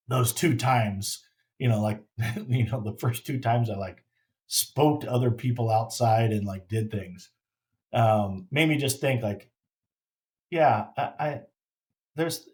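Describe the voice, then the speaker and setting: A middle-aged man telling a personal story in a casual, halting way, often repeating words and restarting as he reflects. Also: mid-range voice, a little mellow. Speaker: grieving father telling his story.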